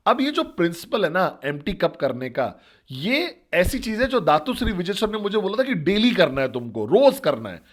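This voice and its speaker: Male motivational trainer, slightly higher voice, direct, talks straight to his listeners. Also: sing-song, normal speed. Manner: direct, asks listeners questions. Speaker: network marketing trainer. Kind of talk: motivational storytelling talk.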